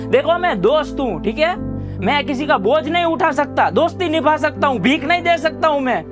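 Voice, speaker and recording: A man in a scripted comedy series, pleading and venting emotionally. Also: extremely high pitch. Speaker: jobless friend who found a job. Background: music.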